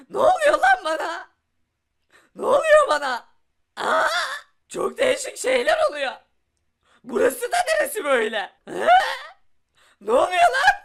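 A woman's voice: very high-pitched, vocal fry, fairly bright tone, exaggerated voice. A woman doing a giggly, whiny little boy. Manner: giggles and whimpers through lines. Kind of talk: Minecraft animation voice acting.

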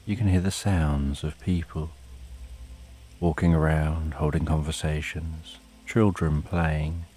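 A man narrating a bedtime sleep story in a calm, soothing, unhurried way with long pauses, as a sleep story narrator. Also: very deep voice, slightly rough. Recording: soft rain behind the voice. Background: rain.

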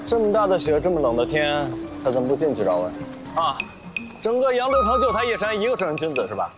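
A petulant, fast-talking young lord. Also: male voice, on the high side, very animated, over loud music. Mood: scornful. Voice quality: modern, unpolished delivery. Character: petulant young nobleman, scornful. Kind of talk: historical TV drama dialogue.

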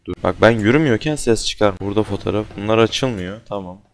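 A man's voice: on the low side, quick pace, a little hiss or hum. A young man giving casual, swearing commentary while playing a horror game, yelping when startled. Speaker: gaming channel host.

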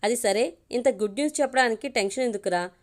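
An exasperated young man keeps questioning his friend in a storybook reading, voiced by a woman. The voice sits a little high and stays close to the reader's own. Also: quick pace, lightly acted.

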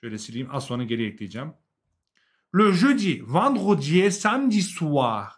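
A young adult man with a Turkish accent leads a live language lesson, explaining, translating and repeating key words for learners. He talks fast in a medium-pitched, sing-song voice.

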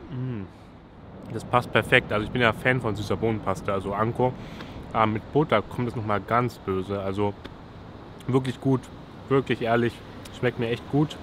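A young man from Germany talking casually to a handheld camera outdoors in a relaxed, chatty way. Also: mid-range voice, normal speed, background noise. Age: young adult. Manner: relaxed, chatty, thinking aloud. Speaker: YouTuber. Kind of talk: casual vlog talk to camera. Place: outdoors by a city riverside railing. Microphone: selfie camera at arm's length.

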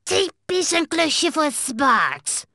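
Squeaky, cheeky little dragonfly sidekick Sparx. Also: very animated, very slow, sharp tone, no room sound, clean studio sound, full character voice. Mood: grumbling. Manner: cheeky, complaining, buzzing between lines. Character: small cheeky dragonfly sidekick, boastful, grumbling but loyal. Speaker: video game character voice. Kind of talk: animated video game voice acting.

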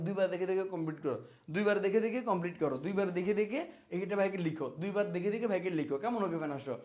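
A man teaching an exam spelling lesson, speaking to students as friends and repeating words so they stick. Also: high voice. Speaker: exam prep tutor.

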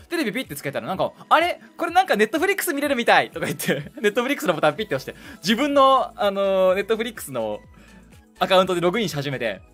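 A male streamer casually recounting a story, animated and playing other people's lines in a higher voice.

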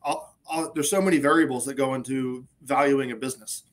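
A man's voice: mid-range voice, steady tone, brisk. A man in his forties, a business consultant, speaking as a guest on a video call in an upbeat, matter-of-fact way. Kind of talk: casual interview chat. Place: indoor office. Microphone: video call webcam.

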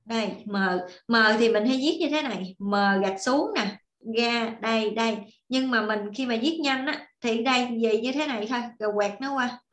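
A woman's voice: fairly high pitch, normal speed, reverberant. A woman teaching an online Korean class, explaining patiently and repeating examples as she writes. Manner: patient, repeats and demonstrates while writing.

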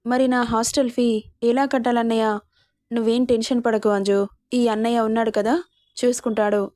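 Woman reading a story, flat and even. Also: a little high, brisk, no room sound, clean studio sound. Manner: voices all characters in the same even reading voice. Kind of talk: reading a dramatic serial story aloud.

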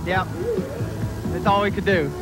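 Young male driver, high-pitched, plainspoken trackside interview. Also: steady tone, measured pace, over loud music. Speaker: truck puller. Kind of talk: post-run interview. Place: outdoor fairgrounds track. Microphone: handheld interviewer mic.

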